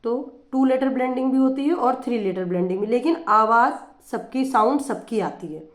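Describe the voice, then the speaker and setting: A woman's voice: a little high, expressive, normal speed, echoey room. A woman teacher explaining phonics in a patient lesson, repeating examples as she goes.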